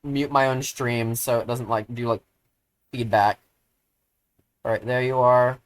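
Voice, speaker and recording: Casual live streamer, mid-range voice, chatty and self-deprecating, lots of "like" and "um", spikes into loud excitement. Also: medium pitch, a little slow. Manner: rambling, filler-heavy, self-deprecating; easily excited, bursts into loud exclamations.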